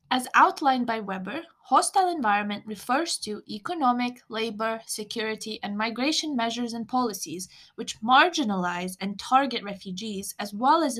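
A young woman hosting a scripted podcast, explaining in a measured way with wry asides. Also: on the high side, lively intonation, a bit bright. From Lithuania. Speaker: podcast host.

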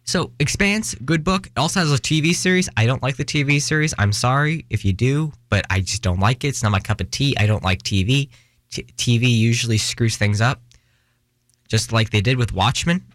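A man's voice: mid-range voice, fairly quick, a bit bright, no room sound, clean studio sound. A young man hosting a casual solo podcast, rambling with many restarts and joking at his own expense. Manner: rambling, self-deprecating, restarts and fillers, runs out of breath. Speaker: podcast host. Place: Washington, US.

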